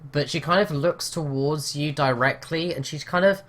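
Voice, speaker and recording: A man's voice: a little high, moderate pace, a bit bright. A man narrating as game master of a tabletop game, hesitant and full of "um" and "sort of" fillers.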